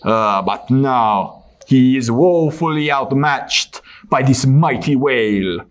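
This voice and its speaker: A man's voice: medium pitch, animated, slow. A man voicing a self-important sailor adventurer in a theatrical puppet show, grandly speaking of himself in the third person. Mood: boastful, defeated. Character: dramatic adult male sailor adventurer puppet, self-important, prone to despair.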